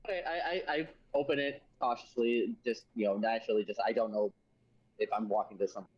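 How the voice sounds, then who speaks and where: A man plays his character in a tabletop role-playing game, halting and repeating himself as he describes his actions. His voice is husky and a bit breathy. It comes through a dull, dry, muffled microphone. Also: on the low side, steady tone, no echo. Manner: hesitant, repeats words while describing actions. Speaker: player.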